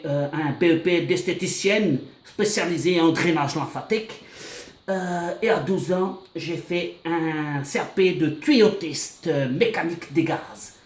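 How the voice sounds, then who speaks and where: A man rants in a comic monologue, boastful and worked up, rambling on with a constant "hein". His voice sits a little high for a man. The room around him rings with echo. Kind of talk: comedic character rant to camera.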